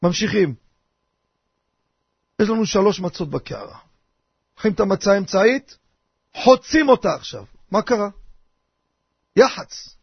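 An older man, a rabbi, giving a lively radio sermon full of rhetorical questions in a husky voice. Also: high-pitched, long pauses, dry recording. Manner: animated, theatrical, rhetorical questions. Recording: dry, dull lo-fi radio recording.

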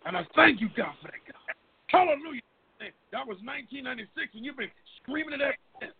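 In tinny audio resembling a phone line, a middle-aged man leads group prayer with fervent, unscripted pleading and frequent calls to God. His extremely high voice is gravelly and animated, moving at a quick pace.

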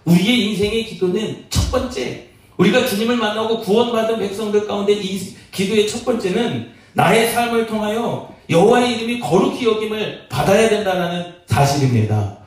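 Man preaching, high voice, rhetorical questions, heard from afar, very echoey church hall. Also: expressive, normal speed, far from the mic. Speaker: pastor. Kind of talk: sermon. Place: church sanctuary.

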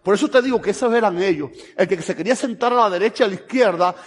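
A man preaching a fervent sermon, swinging between hushed asides and loud appeals. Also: sits high, very fast. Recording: long hall reverb.

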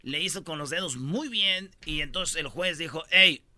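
A man's voice: on the high side, moderate pace, background noise. A man with a Mexican accent hosting a radio show, joking through a countdown of news items in a slangy, playful way. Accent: Mexican Spanish. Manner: joking, slangy, acts out voices in quotes.

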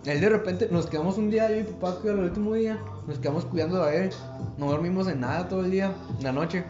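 A man's voice: high voice, fast. A young man with a Mexican Spanish accent, chatting casually and rambling with lots of slang and swearing. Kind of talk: casual chat. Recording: echoey room, dull lo-fi sound, music behind.

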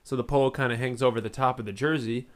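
A man's voice: mid-range voice, fairly even intonation, fast. Joking man co-hosting a podcast. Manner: loose, joking, swears freely. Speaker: podcast co-host. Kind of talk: casual podcast chat.

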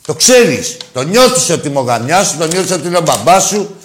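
A man hosting a call-in show about football, with crude, mocking banter that swings from loud rants to low muttered asides. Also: big pitch swings, slight background noise.

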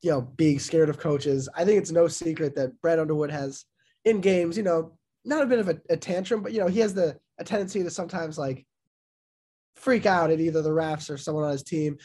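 Male co-host, mellow husky voice, fairly high, measured questions. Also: steady tone. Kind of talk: casual podcast chat.

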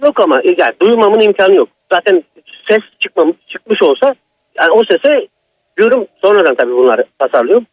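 A man's voice: high voice, sing-song, brisk, dry recording, muffled recording. A man calling in to tell a personal horror story, in an agitated, emphatic manner. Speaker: caller.

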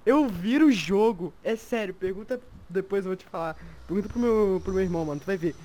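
A young adult with a Brazilian Portuguese accent chatting casually in slang, telling stories in an animated way and acting out quotes. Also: medium pitch, a little fast. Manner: animated storyteller, acts out quotes.

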